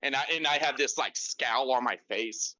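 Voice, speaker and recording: A man playing a tabletop game over voice chat, talking in halting, rambling bursts full of fillers as he describes what his character does. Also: mid-range voice, sharp tone, dry recording, rough recording. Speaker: player.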